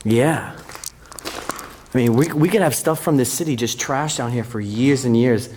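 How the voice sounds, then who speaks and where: A man's voice: medium pitch, moderate pace, darkish tone. A young man chatting casually as an urban exploring vlogger, informal and exclamatory, recorded inside an abandoned tunnel. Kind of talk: casual exploring vlog chat. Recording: noisy on-location recording with ambience.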